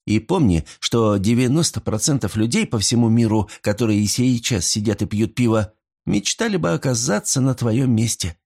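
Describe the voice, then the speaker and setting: A man's voice: medium pitch, lively intonation, normal speed, gravelly, darkish tone. A man voicing a young woman bartender who teases her customers in a dry way. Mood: teasing. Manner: teasing, dry.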